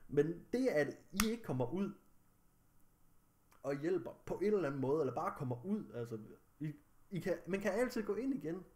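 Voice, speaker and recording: Young male vlogger, slightly high-pitched, agitated, swears heavily. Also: very animated, dark tone. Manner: agitated, angry, heavy swearing. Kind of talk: recounting a personal story to camera.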